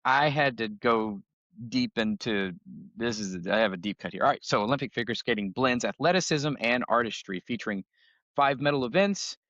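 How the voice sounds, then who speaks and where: Relaxed joking male podcast host. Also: medium pitch, moderate pace, no room sound, dull audio. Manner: laid-back, jokey, reads notes aloud. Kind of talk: casual chat.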